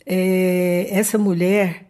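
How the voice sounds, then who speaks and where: Mellow-voiced Brazilian woman co-hosting a Bible talk. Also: on the low side, level tone, very slow. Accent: Brazilian Portuguese. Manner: hesitant, repeats words while searching for them. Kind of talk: conversational Bible talk and reading.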